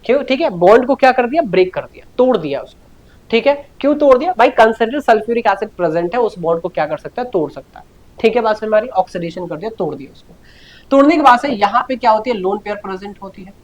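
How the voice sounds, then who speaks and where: A man's voice: high-pitched, expressive, fast. A man teaching a chemistry lecture, repeating key words, asking questions and answering them himself, and often telling students to listen carefully and note things down. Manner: repetitive, answers his own questions, keeps urging students to note down. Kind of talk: classroom lecture.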